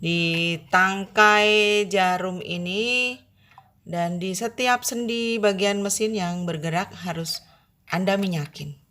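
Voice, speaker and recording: A woman explaining sewing machine upkeep step by step, slow and instructive, addressing the viewer formally. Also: medium pitch, steady tone, pushed and bright. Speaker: sewing tutorial host. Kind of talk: step-by-step tutorial narration.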